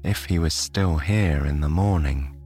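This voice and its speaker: A British man from the United Kingdom narrating a bedtime sleep story in a soft, soothing way. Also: extremely low pitch, unhurried.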